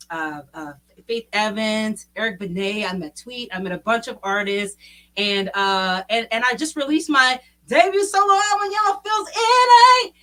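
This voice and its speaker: A woman from Baton Rouge, an R&B singer chatting as a guest in a relaxed way with many fillers. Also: mid-range voice. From Baton Rouge, Louisiana. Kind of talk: casual interview chat.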